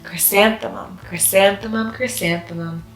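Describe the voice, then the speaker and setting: A woman's voice: mid-range voice, steady tone, normal speed, echoey room, soft background music, close to an everyday voice, poor audio. A woman voicing a sensitive young girl mouse, earnest and childlike, for a children's storybook. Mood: dreamy.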